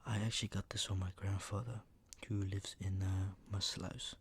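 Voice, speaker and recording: A young adult man hosts an ASMR video, showing off products in a soft half-whisper that is unhurried and rambling. His low, level voice sounds a little sore and worn, as he is mildly sick and still getting over the flu. The recording has noticeable background noise with clicks.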